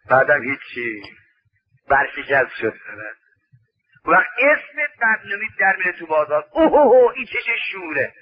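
A man preaching a sermon, chanting religious quotations slowly and acting out the dialogue of his anecdotes with animated storytelling. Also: sits high, muffled recording. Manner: drawn-out chanting of Arabic quotations.

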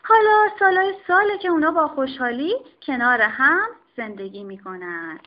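A woman reading a children's storybook aloud in an expressive, sing-song manner, on a dull lo-fi recording. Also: sits high. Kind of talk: storybook narration.

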